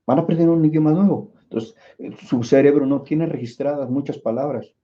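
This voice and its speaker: A man's voice: a little high, brisk, lo-fi sound. A man with a Mexican Spanish accent teaching an informal online language class, rambling with many fillers and restarts.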